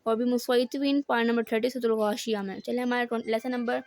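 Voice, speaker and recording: A woman with a Pakistani Urdu accent teaches Quran reading to beginners. She explains each rule patiently and then recites the words slowly and deliberately. Her voice sits slightly high, recorded close with a dry, dead sound. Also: little pitch movement, darkish tone, dry recording. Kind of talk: step-by-step recitation lesson.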